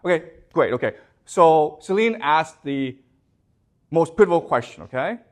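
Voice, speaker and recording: Male lecturer, animated delivery, restarts and repeats words, keeps asking the class whether they follow. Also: fairly high pitch, moderate pace. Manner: checks in constantly with the class.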